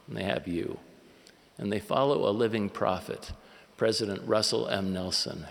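A man giving an earnest, measured sermon as a church leader at a conference. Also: fairly low pitch, vocal fry. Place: large conference hall. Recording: long reverb of a large hall.

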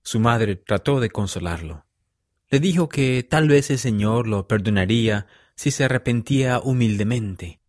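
A man narrating a story in a measured, solemn way. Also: mid-range voice, animated, no echo, studio quality.

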